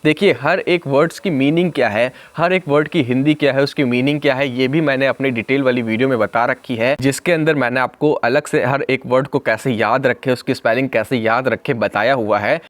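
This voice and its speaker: Man spelling words out slowly. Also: mid-range voice, fairly even intonation, dry recording. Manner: slow, spells words out letter by letter. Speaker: exam prep teacher. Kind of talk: spelling revision lesson.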